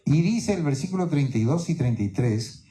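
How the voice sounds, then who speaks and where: A man's voice: on the high side, lively intonation, fairly quick, dark tone, soft background music. A man preaching a sermon in Spanish to his congregation, teaching as he goes and often checking in with "¿no es cierto?". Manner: teaching tone, keeps asking "¿no es cierto?". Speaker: pastor. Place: church in New York.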